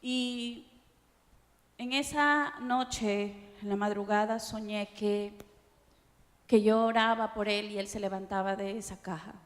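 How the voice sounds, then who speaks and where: A middle-aged woman pastor with an Ecuadorian accent, preaching an emotional testimony that swings from hushed to loud. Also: mid-range voice, fairly even intonation. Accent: Ecuadorian Spanish. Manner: emotional, slow, dramatic shifts from hushed to loud. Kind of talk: sermon testimony. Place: conference auditorium. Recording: long hall reverb.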